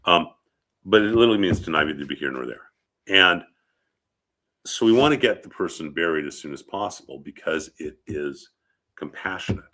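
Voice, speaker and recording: This rabbi's low voice is bright and forceful, expressive, at a moderate pace. Nursing a head cold and sniffling a little, he teaches funeral customs conversationally and often checks in with short questions.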